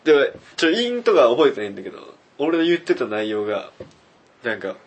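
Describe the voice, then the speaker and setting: A man's voice: mid-range voice, very animated, a little fast. A man co-hosting a podcast in casual chat, telling a story with animation and frequent laughter. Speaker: podcast co-host.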